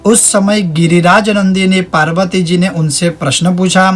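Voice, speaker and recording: A man teaching a devotional ritual, explaining its meaning and reciting Sanskrit verses in a slow, measured chant. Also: high-pitched, fairly even intonation. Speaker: religious teacher.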